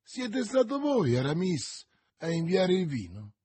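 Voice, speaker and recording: A man voicing a young hot-blooded musketeer in an audiobook, speaking in an excited, pleading, raised voice. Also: sits high, measured pace, breathy edge, pitched above the performer's own voice, full character voice. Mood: questioning. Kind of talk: audiobook character voice.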